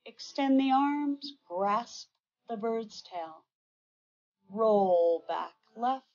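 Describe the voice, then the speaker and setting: An older woman instructor calling out tai chi movements in serene, measured short phrases. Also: a little high, lively intonation, darkish tone, muffled recording.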